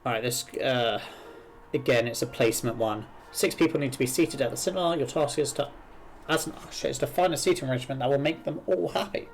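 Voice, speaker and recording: Against background video game music, a man streams his gameplay, reading puzzles aloud and reasoning through them as live commentary. His mid-range voice moves quickly, with a little hiss or hum in the recording.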